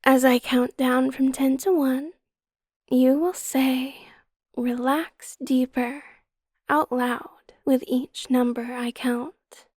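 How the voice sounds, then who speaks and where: A woman guiding a hypnotic induction in a slow, soothing hypnotist manner, with a soft, breathy, half-whispered ASMR delivery. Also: high-pitched, steady tone, no echo, clean studio sound. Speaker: hypnotist guide.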